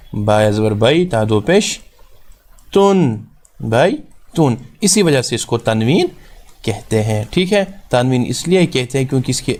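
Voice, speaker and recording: A man's voice: medium pitch, darkish tone. Patient man teaching Arabic grammar. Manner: asks questions and answers them himself, repeats key terms; reassuring, often says it is very easy. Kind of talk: recorded grammar lesson.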